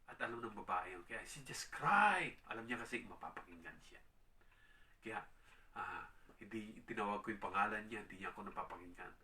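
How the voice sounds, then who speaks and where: A man gives a conversational Bible teaching, often checking in with his listeners and slowing right down whenever he reads a verse. His voice is very bright and forward, and it sounds a little distant, as if he is standing back from the microphone. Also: on the low side, fairly even intonation. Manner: tag questions, reads scripture slowly, dramatizes quotes. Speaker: preacher.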